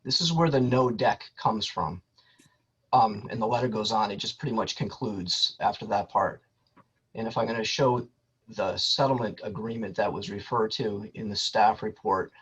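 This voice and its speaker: A low, husky man addresses a board over a landline phone, his voice dull and muffled by the lo-fi line. He speaks in a measured, orderly way, with frequent ums. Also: fairly bright tone. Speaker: lawyer for an applicant. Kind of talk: formal statement at a public board meeting.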